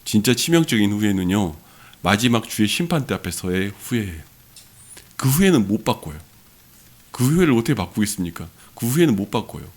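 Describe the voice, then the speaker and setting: A middle-aged male pastor from Jeolla, South Korea, delivers a sermon in a lowish voice. He tells his own story with plain earnestness and puts questions straight to the congregation. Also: sing-song, a little fast.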